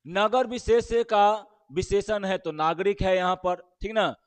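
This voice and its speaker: A man's voice: high-pitched, unhurried, smooth, dry recording. A male teacher, walking through exam questions and quizzing his listeners with rhetorical questions.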